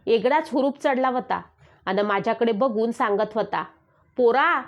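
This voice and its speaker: A woman's voice: fairly high pitch, normal speed. Woman reading a village tale, lo-fi. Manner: voices villagers with raised calls and dialect. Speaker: storyteller. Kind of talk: reading a Marathi rural story aloud. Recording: dull lo-fi recording.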